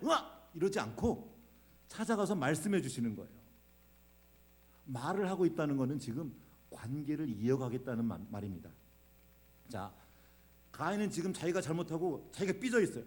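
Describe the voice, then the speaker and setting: A pastor preaches a Sunday sermon in a church sanctuary, his voice a little high and a little mellow. He frequently puts questions to the congregation and explains his points with homely everyday examples.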